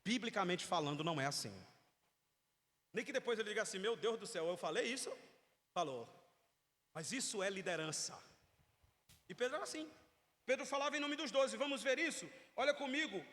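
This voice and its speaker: Brazilian male preacher, very high voice, emphatic, questions the congregation, long church reverb. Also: lively intonation, fairly quick, pauses often, a bit bright. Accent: Brazilian Portuguese. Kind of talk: teaching sermon. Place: church sanctuary.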